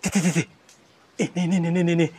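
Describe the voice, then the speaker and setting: A man on a cave exploration vlog, talking in a hushed, nervous way and muttering prayers. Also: a little high, little pitch movement, very fast, heavy background noise.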